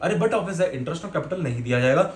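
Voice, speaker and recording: A male teacher giving a lecture in a relaxed, playful, colloquial manner, with a fairly high voice. The recording sounds roomy and echoey, with a faint background hiss. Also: moderate pace. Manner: playful, colloquial, calls students "beta". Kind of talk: classroom lecture. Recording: echoey room with faint noise.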